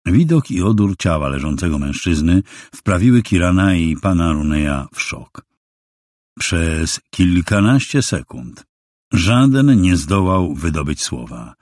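A man reading a novel aloud as expressive, dramatic audiobook narration. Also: low voice, a little slow, no room sound, clean studio sound.

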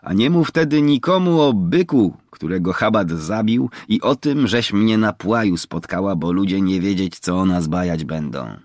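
A man's voice: low-pitched, expressive, normal speed, hardly any pauses, a little mellow, dry recording, studio quality. A man voicing a bold, proud young male poacher from the mountains, talking in a teasing, assured way. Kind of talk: audiobook character reading.

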